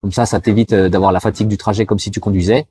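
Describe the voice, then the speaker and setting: A man from France talking casually to the viewer, full of fillers, slowing down to spell out greetings. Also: fairly low pitch, little pitch movement, mellow, breathy edge, no room sound. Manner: chatty, addresses viewer as tu, frequent euh fillers; slows down to demonstrate pronunciation. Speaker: vlogger giving advice to cross-border workers. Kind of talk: casual explanatory talk with mini language lesson.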